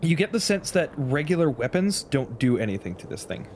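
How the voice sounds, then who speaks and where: A fairly high-voiced man runs a tabletop game as game master. He narrates what the players find in a relaxed, easygoing way and laughs often, with a faint hiss of noise behind him. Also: fairly quick.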